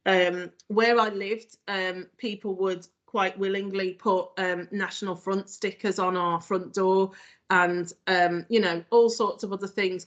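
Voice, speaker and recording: Woman trainer with a Liverpool accent, earnest and conversational, mid pitch. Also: a bit bright. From Northwest England. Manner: earnest, conversational with frequent ums. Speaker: anti-racism trainer. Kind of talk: online training talk.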